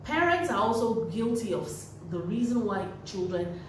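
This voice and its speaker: A woman's voice: medium pitch, expressive, normal speed. Earnest woman in a very echoey room. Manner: earnest, preachy, repeats key phrases for emphasis. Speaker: parenting vlogger. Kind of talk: direct-to-camera parenting advice. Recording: very echoey room, voice from a distance, faint noise.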